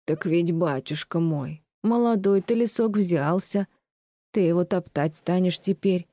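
A woman voicing a lonely, fretful old landowner lady who scolds in a slow, plaintive way, as an audiobook reading. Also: lowish voice, warm tone, no room sound. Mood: reproachful. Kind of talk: audiobook reading of classic prose.

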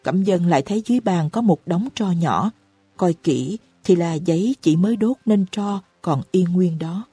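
A woman reads a novel aloud in a slow, even audiobook narration, her voice low and dark. It has a slightly husky edge. The recording is dry and close, with soft music playing faintly underneath. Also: no echo. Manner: reads slowly and evenly, raising her voice for characters' cries.

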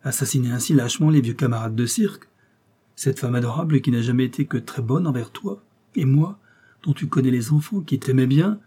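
An indignant circus director, read by a man, scolding an old comrade in reproachful tones. The voice is mellow and slightly husky. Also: medium pitch, a little fast, close to an everyday voice.

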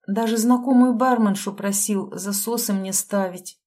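A woman reading an audiobook, voicing a young husband who quietly and guiltily apologizes to his wife. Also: medium pitch, fairly even intonation, normal speed, close to an everyday voice. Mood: apologetic.

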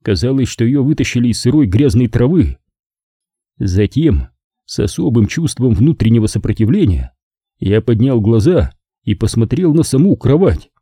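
Man reading a detective audiobook, dark mellow voice, husky, dry close sound. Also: medium pitch, sing-song, no room sound. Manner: measured, dramatic storytelling. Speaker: audiobook narrator. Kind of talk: first-person detective novel reading.

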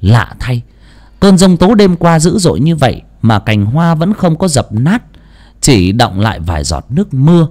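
A man narrating an audiobook story in an expressive storytelling manner. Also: on the high side, moderate pace.

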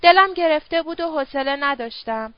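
A woman's voice: sits high, animated, dry recording. A woman reading the part of a young servant girl confessing, in colloquial, rueful speech. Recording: dull dry lo-fi audio.

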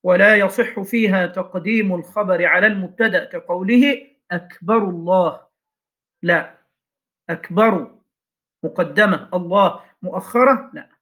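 High-voiced man teaching Islamic law. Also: normal speed, a bit bright. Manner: reads a line of the text, then explains it with questions and examples. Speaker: teacher of Shafi'i jurisprudence. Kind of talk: classroom lecture explaining a legal text.

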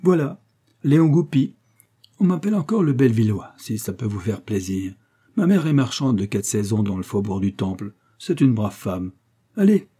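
A man's voice: fairly low pitch, big pitch swings, moderate pace, warm tone, slightly rough. A man voicing a cheeky young working-class Parisian, talking in slangy, cocky bursts.

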